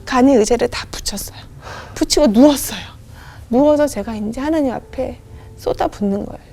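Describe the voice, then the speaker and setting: A woman with a high but mellow voice tells her story as a guest in a TV studio. She talks in an animated way and acts out the lines of the people in it. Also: brisk. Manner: animated, acts out remembered dialogue. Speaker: guest singer giving a testimony. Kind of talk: emotional testimony storytelling. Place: TV talk show studio.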